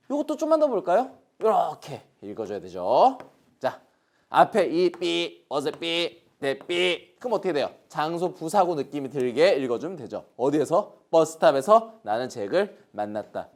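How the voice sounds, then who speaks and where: A man's voice: a little high, a little mellow. A Korean man teaching an English grammar lesson online, asking questions and answering them himself while pointing things out on the board. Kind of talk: online lecture.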